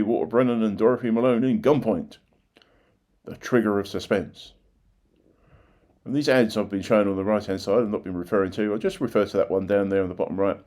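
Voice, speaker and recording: With a lowish, slightly mellow voice, an older man presents local history by reading old newspaper clippings. His narration is informal, sprinkled with plain conversational asides.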